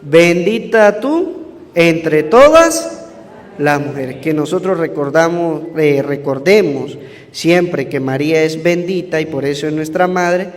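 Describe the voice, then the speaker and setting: A priest preaching a sermon, repeating phrases for emphasis. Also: male voice, fairly high pitch, fairly even intonation, measured pace, a little mellow. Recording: music and long hall reverb.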